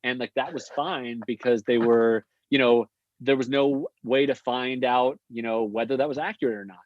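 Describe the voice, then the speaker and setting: A man's voice: mid-range voice, normal speed, no room sound, phone-quality sound. Rambling man telling work stories. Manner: rambling, filler-heavy, animated anecdotes. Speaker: podcast guest, agency founder. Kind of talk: casual interview storytelling.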